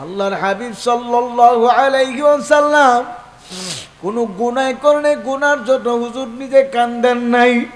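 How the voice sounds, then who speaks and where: A man's voice: extremely high pitch, steady tone. A male preacher, telling a devotional story in a waz sermon and drawing out sung, wailing refrains. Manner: storytelling, drawn-out melodic chanting, emotional.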